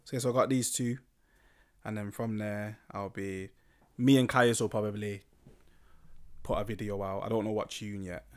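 A man's voice: fairly low pitch, fairly even intonation, moderate pace, long pauses. A young man, chatting casually and in thick street slang as a musician being interviewed. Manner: slangy roadman talk. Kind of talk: casual chat.

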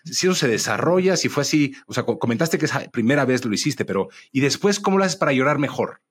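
Male interview host, husky, breaks in quickly and stammers. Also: mid-range voice, lively intonation. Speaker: podcast host.

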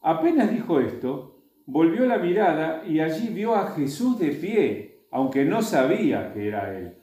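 A man's voice: a little high, sing-song, unhurried, mellow. A man with an Argentine accent reading scripture aloud to a group and stopping to explain it in plain words. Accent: Argentine Spanish. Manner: reads aloud, then stops to add plain explanations. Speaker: Bible study teacher. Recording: echoey room.

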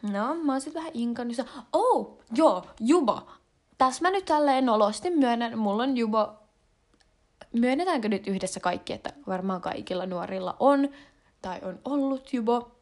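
Young adult woman, vlogger, casual confessional chat, rambling, filler-heavy, slangy, slightly high-pitched. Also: animated. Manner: rambling and slangy, with frequent fillers and English words mixed in.

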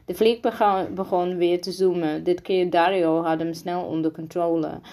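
A woman reading a children's book aloud, halting often and restarting words as she stumbles over the text. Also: lowish voice, steady tone, mellow. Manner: halting, frequent restarts and slips. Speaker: reader.

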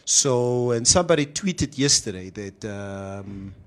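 A man's voice: medium pitch, animated, slow. A man hosting a casual, opinionated discussion, slipping in Afrikaans phrases. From South Africa. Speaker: talk show host.

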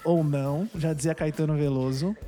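A man's voice: a little high, steady tone, moderate pace, music in the background. A man, a podcast host, chatting casually and joking as he reads listener messages aloud. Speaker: podcast host, tattoo artist.

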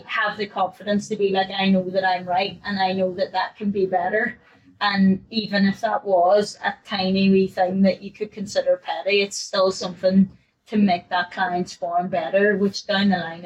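A woman's voice: mid-range voice, rough recording. A young adult woman, a newly qualified fitness coach, chatting casually on a podcast, laughing often and acting out her past self.

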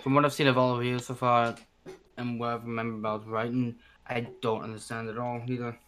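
A man's voice: mid-range voice, little pitch movement, brisk, fairly bright tone, slight background noise. A man playing in a tabletop game, asking puzzled questions. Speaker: player. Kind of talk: casual game chat.

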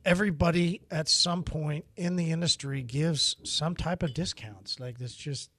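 A man's voice: fairly high pitch, normal speed, a bit bright, a little hiss or hum. A man co-hosting a casual podcast chat, talking in loose rambling phrases that restart and repeat as he tastes beer. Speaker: podcast co-host.

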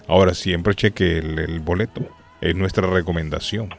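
Low-voiced chatty radio host, man. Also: steady tone, normal speed, gravelly. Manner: chatty, teasing, repeats points. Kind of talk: casual radio chat.

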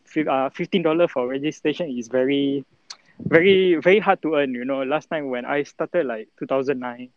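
A young man with a Singaporean accent talks casually in Singlish, circling through fillers as he explains himself. His voice sits a little high. The sound is close and dry but somewhat dull and lo-fi. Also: no echo. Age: 20s. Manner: colloquial Singlish with particles like lah, lor and mah; halting, rambling, heavy on filler words. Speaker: interview guest, breakdancer. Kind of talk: casual conversational interview answers in Singlish.

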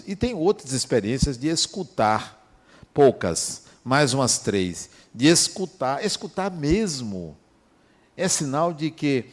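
Animated man telling stories. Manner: animated storyteller, swings between soft asides and sudden high emphasis. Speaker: psychologist giving a spiritual talk. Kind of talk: reflective talk with personal anecdotes.

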